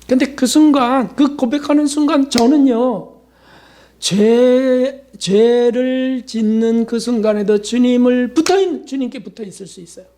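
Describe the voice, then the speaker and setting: A man's voice: very high voice, unhurried, mellow. A man preaching a sermon as pastor, acting out prayers and asking the congregation rhetorical questions. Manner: preaching with acted-out prayers and quotes.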